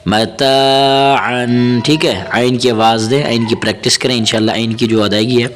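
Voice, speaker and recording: A man teaching Quran reading, slowly spelling out and chanting each syllable, then explaining the rules in quick bursts. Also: medium pitch, steady tone. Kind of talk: spelling-out recitation lesson.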